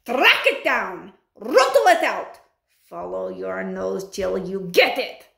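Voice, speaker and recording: The Grand High Witch, as a woman puts her on. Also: animated, slow pace. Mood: furious. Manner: shouting, commanding. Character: domineering cruel female witch leader. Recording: echoey room.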